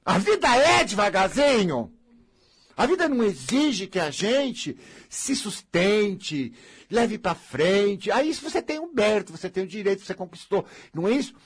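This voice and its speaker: Husky, scolding Brazilian man. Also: high voice, very animated, normal speed. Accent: Brazilian Portuguese. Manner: scolding, theatrical, mocks whiny voices. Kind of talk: blunt motivational monologue.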